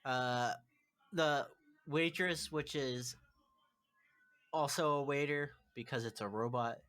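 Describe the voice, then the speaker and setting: A man's voice: medium pitch, slow, a bit bright. A man narrating as game master, loose and chatty with his players.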